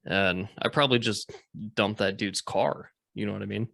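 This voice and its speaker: A man's voice: lowish voice, normal speed, gravelly, fairly bright tone, no room sound, clean studio sound. A man from the United States hosting a podcast, telling a long story in casual, rambling talk with lots of fillers and swearing. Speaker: podcast host.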